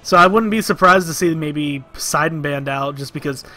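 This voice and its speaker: A man co-casting a video game match, giving steady analysis of team picks and bans. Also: fairly high pitch, moderate pace. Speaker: esports co-caster. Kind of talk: esports casting commentary.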